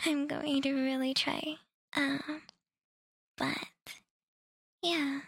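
A young woman speaks in a soft, close whisper with a heavy gravelly fry running through it. Her voice sits high but stays flat, and she talks slowly, rambling and apologizing. The sound is dry and close, with no room echo. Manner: rambling, apologetic, many ums. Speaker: audio creator updating listeners. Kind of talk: whispered casual update.

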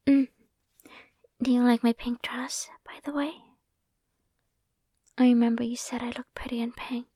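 A young woman whispers close to the microphone in an intimate ASMR roleplay, sweet and affectionate. Her voice is breathy and mellow, a little high, and she speaks slowly and evenly. The sound is dry, with no room around it. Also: little pitch movement, no echo. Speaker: ASMR performer. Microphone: close sensitive microphone.

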